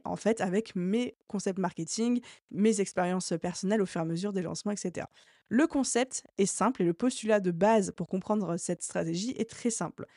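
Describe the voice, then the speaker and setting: A woman's voice: medium pitch, mellow, dry recording, studio quality. A woman hosting a solo podcast, explaining marketing ideas in a conversational, teaching way with frequent fillers. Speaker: podcast host and marketing coach. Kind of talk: solo educational podcast talk.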